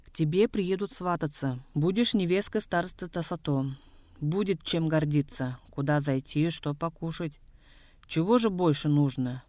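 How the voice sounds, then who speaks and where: Gruff, commanding old patriarch from a storybook, as the narrator puts him on. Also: medium pitch, normal speed, darkish tone, dry recording, natural voice. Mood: coaxing. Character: stern, gruff old man, grandfather and head of a household.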